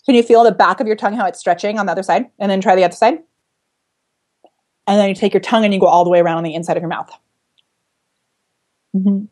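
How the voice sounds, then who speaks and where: A woman coaching speaking skills in a casual chat. She talks fast, laughs often and has a slight lisp. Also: medium pitch, fairly even intonation, a little mellow. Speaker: vocal coach.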